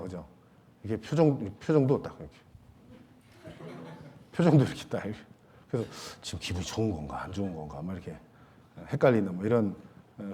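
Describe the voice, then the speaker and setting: A man preaching a Sunday sermon in a church, with a mellow, relaxed tone. He talks casually with the congregation, tosses in light jokes, and trails off into soft fillers between thoughts. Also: medium pitch. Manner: casual, joking asides to the congregation; many hesitation fillers, trailing off softly. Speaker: pastor. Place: church sanctuary.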